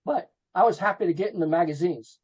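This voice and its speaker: A middle-aged rock photographer from New Jersey, USA, reminisces casually as a podcast guest, informal and sprinkling in lots of "you know." He talks fast in a high, darkish voice with a breathy edge, over dull lo-fi call audio.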